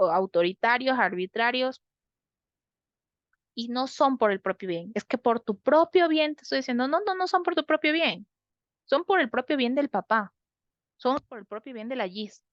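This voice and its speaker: A woman with a fairly high voice gives a reflective talk on raising children. She keeps asking rhetorical questions and checking in with her listeners. The recording is dry and slightly dull. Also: dry recording. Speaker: parenting educator. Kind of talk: talk on parenting.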